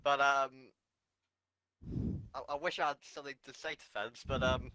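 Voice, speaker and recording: A man co-commentating a sim race, out of breath and stunned, speaking in halting phrases. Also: mid-range voice, steady tone, sharp tone, clean tone, no echo. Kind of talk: post-race esports commentary.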